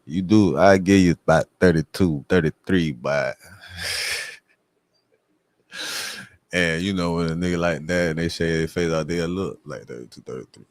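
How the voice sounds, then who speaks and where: A man's voice: low voice, measured pace, pauses often, no echo. A man hosting a casual streamed chat, joking in loose, profane banter. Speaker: host.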